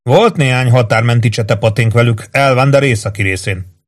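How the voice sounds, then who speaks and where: A man voicing a calm, friendly young elf lord in an audiobook, speaking in a relaxed, courteous way. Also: mid-range voice, natural voice.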